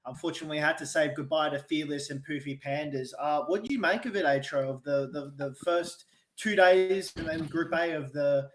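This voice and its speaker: Male esports caster, upbeat and talky, slightly high voice, roomy echo. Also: a little fast. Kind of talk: casual play-by-play desk chat.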